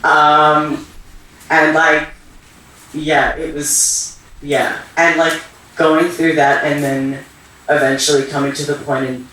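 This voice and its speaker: A man's voice: a little high, little pitch movement, takes it slowly, long pauses, sharp tone, slight background noise. A young man from Iran sharing personal thoughts at a community talk, hesitant and searching for words with many fillers. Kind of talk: open share at a community event. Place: theatre hall. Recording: echoey hall from far off.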